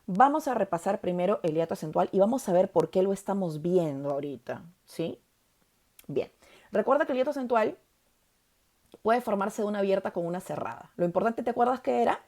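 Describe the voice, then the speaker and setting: A woman's voice: mid-range voice, dark tone. A woman teaching a grammar lesson, stressing key words and often checking in with the listener.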